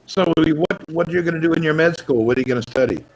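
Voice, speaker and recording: A man's voice: fairly high pitch, fast talker, rough recording. A man hosting a casual livestream chat, joking with guests and calling on them one by one. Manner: jokey, calls on guests one by one. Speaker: livestream host.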